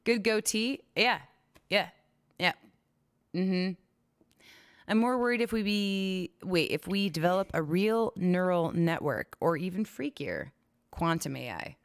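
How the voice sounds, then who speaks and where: A woman's voice: on the low side, expressive, measured pace. Giggly chatty woman streamer. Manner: giggly, chatty, self-interrupting. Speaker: livestream host. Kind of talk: casual livestream chat. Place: home streaming setup.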